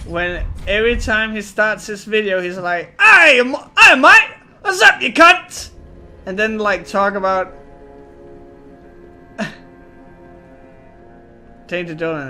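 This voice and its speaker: A man's voice: high voice, pushed and bright. A man casually commenting on a video game as he plays, rambling, swearing and joking. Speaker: let's play host.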